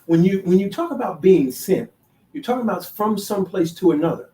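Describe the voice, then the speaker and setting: A man hosting a solo talk show, halting with many restarts, then building to emphatic, sermon-like declarations. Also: high voice, animated, warm tone. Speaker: podcast host. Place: DC, Maryland, Virginia area. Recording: echoey room, voice far from the mic.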